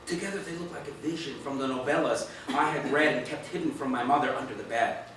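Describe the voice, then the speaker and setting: A man reading his own first-person story aloud in a dramatic way, swinging between hushed and loud passages. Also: medium pitch, fast talker, a little hiss or hum. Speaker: reader of his own play. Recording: echoey room from far off, faint ambience.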